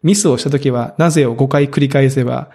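A man's voice: mid-range voice, quick pace, warm tone. A man in his thirties as a podcast co-host, chatting in an easygoing, self-deprecating way with chuckles. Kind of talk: casual chat.

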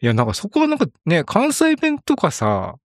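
A man's voice: sits high, wildly swooping pitch, normal speed, no room sound, studio quality. A man co-hosting a casual podcast chat, thoughtful and a bit hesitant in his phrasing. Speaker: podcast co-host.

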